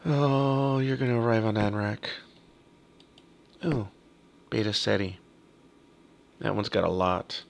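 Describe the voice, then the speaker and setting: Male game commentator with a low-ish voice, talks to himself while playing, a little hoarse from a cough. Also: fairly even intonation, slow pace, pauses often. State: slightly hoarse, has a cough. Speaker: gaming video host. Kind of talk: casual let's-play commentary.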